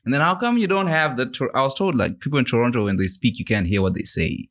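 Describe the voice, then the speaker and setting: A young man hosts a relaxed podcast conversation. His pitch swoops up and down with a lot of life, and he talks in a loose, chatty way full of fillers. He laughs easily between his thoughts. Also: fast talker. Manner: animated, laughs often, many "like" fillers. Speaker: podcast host. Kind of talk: casual podcast chat.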